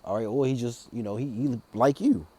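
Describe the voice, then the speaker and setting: A man reading Bible verses slowly and then commenting on them in loose, drawling, repetitive street-preacher talk. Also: medium pitch, warm tone, husky. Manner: drawling, repeats words, slow solemn scripture reading.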